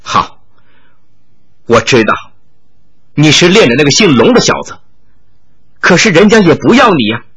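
A man's voice: a little high, big pitch swings, moderate pace, long pauses, fairly bright tone, breathy edge, full character voice. Man doing a wheedling scheming official. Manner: coaxing, pushy pleading. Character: scheming middle-aged male official, wheedling then bullying.

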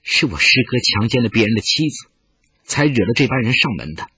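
A man voicing a soft-spoken middle-aged swordswoman who pleads quietly, in an audiobook reading on a dull lo-fi recording. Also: medium pitch, normal speed, slightly rough, no echo.

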